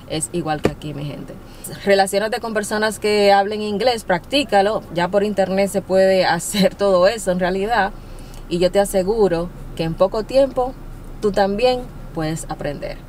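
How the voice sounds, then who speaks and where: A woman's voice: fairly low pitch, darkish tone, a little hiss or hum. A young adult woman giving casual, encouraging language-learning tips as a vlogger, often laughing as she talks. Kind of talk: casual to-camera advice talk.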